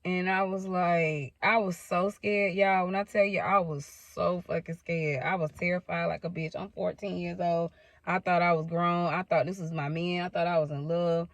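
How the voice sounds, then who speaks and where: A woman's voice: fairly low pitch, fairly even intonation, normal speed, dry recording. Candid, profane woman telling a story. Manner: candid, profane, addresses viewers directly. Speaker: storytime vlogger. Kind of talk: casual personal storytelling.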